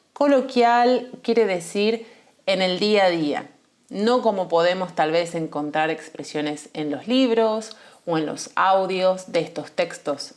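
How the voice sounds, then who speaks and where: Patient Argentine woman teaching Spanish. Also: fairly low pitch. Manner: patient, clear, slows down to repeat key words. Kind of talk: explanatory language lesson.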